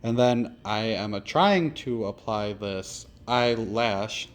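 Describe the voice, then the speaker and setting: Low-voiced man with a lisp. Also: takes it slowly. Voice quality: lisp, slushy s sounds. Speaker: drag performer doing a makeup tutorial. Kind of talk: casual makeup tutorial voice-over.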